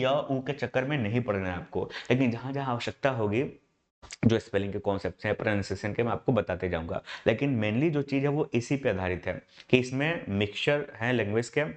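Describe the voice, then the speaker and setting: A man teaching English grammar in Hindi, explaining step by step and calling his students "my brother". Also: mid-range voice. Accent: Indian English. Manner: asks students rhetorical questions. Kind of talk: online class lecture in Hindi.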